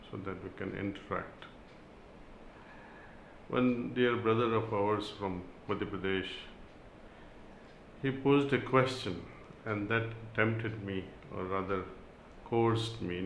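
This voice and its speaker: A man giving a spiritual talk and reading aloud, in a slow, measured way with long pauses. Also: fairly low pitch, vocal fry, echoey room, slight background noise, low-quality recording. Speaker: spiritual teacher.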